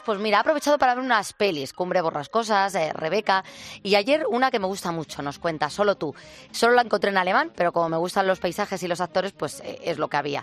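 A woman co-hosting radio, reading listener messages in a conversational way. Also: mid-range voice. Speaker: radio co-host.

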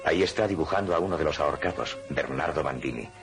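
A man's voice: extremely low pitch, quick pace, music in the background. A man narrating an educational history cartoon in a solemn, scripted style.

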